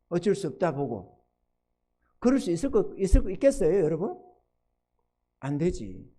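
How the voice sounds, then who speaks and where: A middle-aged man preaching, with a strikingly high voice for a man. He tells a personal story from the pulpit, acting out both sides of the conversations. His pitch leaps and falls in lively swings as he questions the congregation. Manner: animated storytelling, acting out dialogue. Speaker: pastor.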